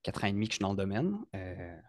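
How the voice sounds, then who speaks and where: A man in his thirties with a Quebec French accent, a hairstylist guest talking in a relaxed, hesitant way with fillers. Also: lowish voice, fast talker, no room sound, clean studio sound. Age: 30s. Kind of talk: casual interview.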